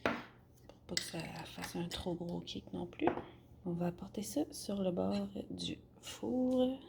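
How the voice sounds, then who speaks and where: A woman's voice: on the low side, slow, vocal fry, noisy background. A young woman with a Québécois French accent, chatting casually as she cooks in her home kitchen and rambles with many fillers. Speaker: vlogger. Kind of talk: casual cooking vlog narration.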